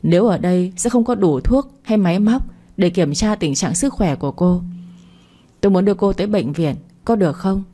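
A woman voicing a calm male doctor who speaks gently and reassuringly. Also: mid-range voice, normal speed, lightly acted.

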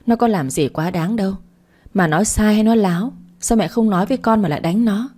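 A woman's voice: mid-range voice, a little fast, dark tone, natural voice. A woman voicing an angry young husband who snaps back at his mother in defense of his wife. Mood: exasperated.

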